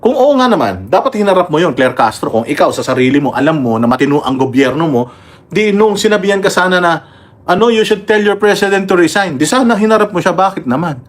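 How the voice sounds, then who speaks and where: A man's voice: on the high side, animated, fast talker. Combative Filipino man ranting on a livestream. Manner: combative, mocking, thanks members and reads comments aloud. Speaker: political livestream host. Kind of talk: casual political commentary livestream.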